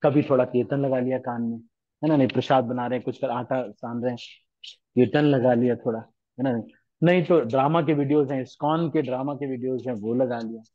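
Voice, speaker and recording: A man's voice: medium pitch, fairly even intonation, brisk, highs cut off. A man giving a devotional scripture class in a conversational way, often asking his listeners rhetorical questions. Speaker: lecturer on scripture. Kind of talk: devotional Hindi lecture.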